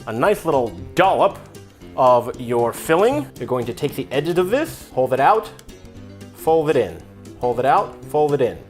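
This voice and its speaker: A man's voice: mid-range voice, big pitch swings, unhurried, soft background music. A man hosting a casual, comedic cooking lesson in a loose, rambling drunk manner, irreverent and a little profane. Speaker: cooking video host. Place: home kitchen.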